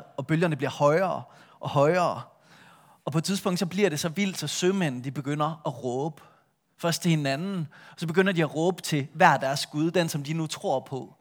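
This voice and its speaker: A middle-aged man preaching a sermon, retelling a Bible story with lively shifts between a full voice and a soft hush. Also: on the high side. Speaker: pastor.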